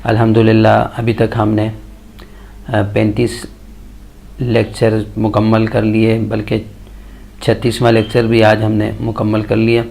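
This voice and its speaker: A man teaching Arabic verb conjugations in a slow, measured lesson, reciting tables one form after another. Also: on the low side, completely flat delivery, creaky, darkish tone. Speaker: Quran and Arabic grammar teacher.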